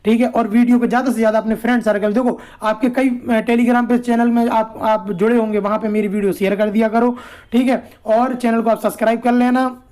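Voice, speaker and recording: A man's voice: very high-pitched, little pitch movement, fairly quick, a little mellow. A man teaching an exam-prep lesson in a casual, explanatory way. He repeats himself, asks his own questions, answers them, and keeps checking in with "theek hai.".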